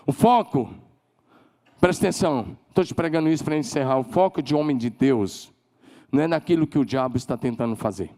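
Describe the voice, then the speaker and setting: A man with a Brazilian Portuguese accent preaching a sermon as pastor, emphatic, leading call-and-response and climbing to shouted declarations. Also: mid-range voice, expressive, brisk. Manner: leads the congregation in call-and-response.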